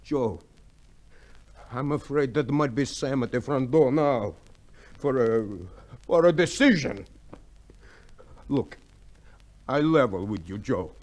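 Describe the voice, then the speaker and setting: An actor playing a middle-aged, irritable and excitable working-class father in an old radio comedy-drama. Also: mid-range voice, slow pace, long pauses. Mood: sheepish, worried. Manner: irritable, exasperated complaining.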